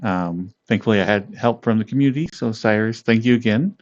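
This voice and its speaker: A man streaming live and chatting casually with viewers, laughing often and greeting them by name in a relaxed, meandering way. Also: fairly low pitch. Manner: relaxed, meandering, with fillers and pauses. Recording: dull lo-fi stream audio.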